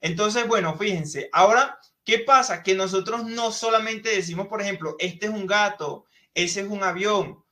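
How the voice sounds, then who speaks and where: A man's voice: sits high, moderate pace, hardly any pauses, sharp tone. A man teaching a live online English class in Spanish, explaining step by step and often checking in with questions.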